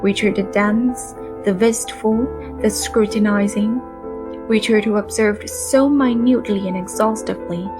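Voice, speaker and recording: A woman narrating a literary audiobook in a measured, calm reading voice. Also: medium pitch, over music.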